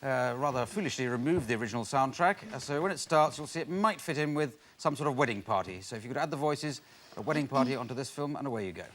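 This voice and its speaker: A man's voice: medium pitch, lively intonation, fast, fairly bright tone. A man hosting a comedy game show, unscripted, hesitating and repeating phrases as he presents. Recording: live studio with crowd and noise.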